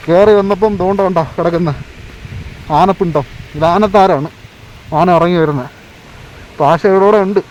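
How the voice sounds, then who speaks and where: Higher-pitched man mixing in English, outdoor noise. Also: a little mellow, lo-fi sound. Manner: mixes English words into Malayalam; exclaims in slang, often asks viewers how it is. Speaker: motovlogger, host. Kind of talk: casual travel vlog chat to viewers. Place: outdoors on a hill road, by motorbike. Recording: noisy outdoor ride with vehicle noise.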